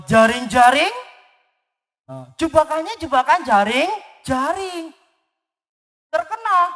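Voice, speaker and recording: Slow, bright woman telling a children's story. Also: on the high side. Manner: animated, asks the children questions. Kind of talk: storytelling for children at a live event. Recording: long hall reverb.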